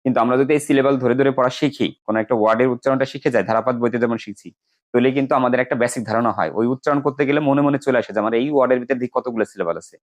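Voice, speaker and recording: A man with a Bangladeshi accent teaching an English grammar lesson to students, explaining step by step and slowly repeating key words. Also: medium pitch.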